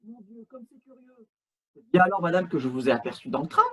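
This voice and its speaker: A man playing a stiffly polite English gentleman in an absurdist stage scene, speaking in a halting, ceremonious way over a video call. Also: high voice, big pitch swings, low-quality recording. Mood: formal. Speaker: amateur actor.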